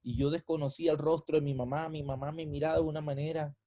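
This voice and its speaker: A man, his fairly high voice mellow and dark. He tells his own story with strong emotion, dropping to near-whispers and then rising to loud, impassioned peaks. The recording is dry and close. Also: flat delivery, quick pace, dry recording, low-quality recording. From Colombia. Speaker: preacher. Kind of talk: sermon with personal testimony.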